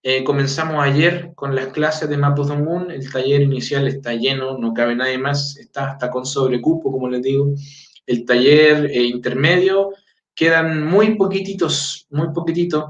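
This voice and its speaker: A man's voice: medium pitch, fairly even intonation, moderate pace. A Chilean man teaching his language in casual talk, checking in with listeners and reading out greetings. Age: adult with a four-year-old daughter. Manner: conversational, fillers, frequent "¿ya?" checks. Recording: roomy, distant, dull lo-fi sound.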